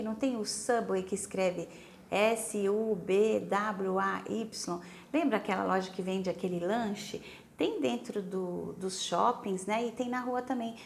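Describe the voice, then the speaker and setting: A Brazilian woman teaching English to senior students, speaking with a Brazilian Portuguese accent, patiently saying each word several times and asking the class to repeat. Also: mid-range voice.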